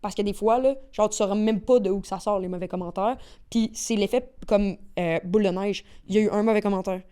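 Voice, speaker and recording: A woman with a Québécois accent talks very fast in a relaxed podcast chat. Her speech is slangy and lively, one story tumbling into the next. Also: mid-range voice, smooth. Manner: rapid, slangy, animated storytelling. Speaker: guest, agency owner. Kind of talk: casual podcast conversation.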